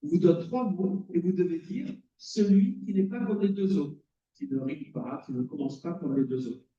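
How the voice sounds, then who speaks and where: A cognitive psychology lecturer gives a conference talk in a lecture hall, explaining concepts and quizzing his audience. His voice is warm and on the high side at a moderate pace, though the recording sounds roomy, distant and dull.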